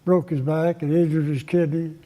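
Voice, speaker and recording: An elderly man from Kentucky with an Appalachian accent, casually reminiscing in a folksy, halting way as he repeats phrases. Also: fairly high pitch, level tone, dark tone. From Kentucky, United States. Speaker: interviewee recalling childhood. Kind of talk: casual oral-history reminiscence. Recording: echoey reverberant room.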